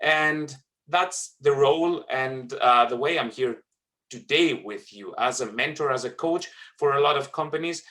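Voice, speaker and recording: Man, bright clear voice, webinar trainer, earnest, lots of fillers. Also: mid-range voice. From Greece. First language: Greek. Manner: earnest, halting with many fillers and restarts. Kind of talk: presenting a webinar.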